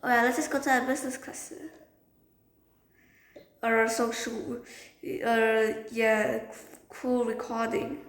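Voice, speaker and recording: A woman's voice: on the high side, flat delivery, takes it slowly, pauses often, reverberant. A woman playfully narrating a toy role-play video. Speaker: YouTuber.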